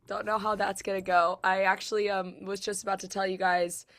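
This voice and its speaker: A woman who is sick and sounds rough, chatting casually as a returning podcast guest and laughing often. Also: medium pitch, little pitch movement, brisk, fairly bright tone. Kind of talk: casual chat.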